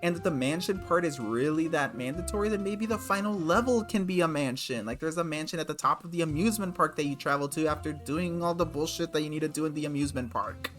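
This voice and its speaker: A man's voice: on the high side, fast, hardly any pauses, fairly bright tone, faint music behind. Casual, sarcastic gaming commentator man. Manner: casual, sarcastic, swears freely. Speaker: gaming video creator.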